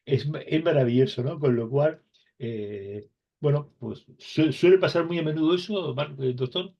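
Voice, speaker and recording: A male host putting questions to his guest with a slightly husky voice. He hesitates and restarts often, feeling his way through each question, and the recording sounds dull and lo-fi. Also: on the high side, a little slow, dark tone. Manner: hesitant, searching for words, many restarts. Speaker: interviewer, host. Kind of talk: interview questions.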